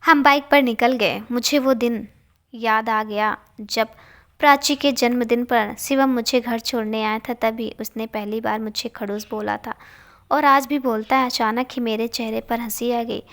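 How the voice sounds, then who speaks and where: A young woman narrating a romantic story in the first person, gently and softly. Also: fairly high pitch, fairly even intonation, measured pace.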